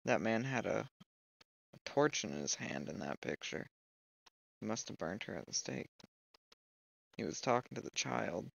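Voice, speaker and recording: A man with a low, gravelly voice talks his way through a horror game, slow but swinging widely in pitch as he reacts. He mutters to himself and reads found notes aloud. The close mic sounds dry and a little dull. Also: sing-song, a bit bright, no room sound. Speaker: gamer playing a horror game. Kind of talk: let's play commentary. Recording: dry, slightly muffled lo-fi mic.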